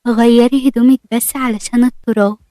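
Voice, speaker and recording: Woman doing bossy egyptian mom, scolding but teasing, high-ish voice, no room sound. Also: steady tone, brisk, warm tone, no room sound, close to an everyday voice. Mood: firm. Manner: firm, scolding. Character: older mother, teasing and firm.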